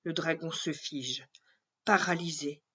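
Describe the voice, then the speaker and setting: A woman reading a children's story aloud in a gentle, expressive way. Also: deep voice, slow, husky, lo-fi sound.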